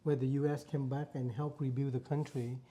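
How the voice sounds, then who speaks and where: Here a fiftyish man from Vietnam, Vietnamese-accented, shares his life story as a guest in a relaxed conversation. He is earnest and tends to repeat phrases while remembering, and his mellow mid-range voice stays level and fairly quick.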